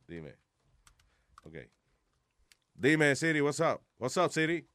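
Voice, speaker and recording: Brief: male host, relaxed banter, drifts into English, pitch rises and falls freely. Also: takes it slowly, a little hiss or hum. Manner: laid-back, switches between Spanish and English. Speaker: show host. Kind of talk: casual chat show banter.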